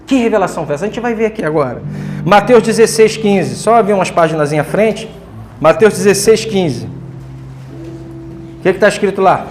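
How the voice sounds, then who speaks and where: A man's voice: high voice, expressive, moderate pace, pauses often, darkish tone. A man preaching a sermon as pastor, joking and talking colloquially. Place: church hall. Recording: echoey church room with faint music.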